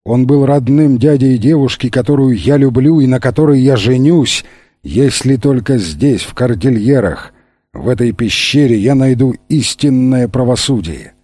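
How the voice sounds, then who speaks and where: A man's voice: mid-range voice, lively intonation, unhurried, a little mellow, husky, no room sound. A man reading aloud, voicing an earnest young man accused of murder, who pleads boldly with a raised voice.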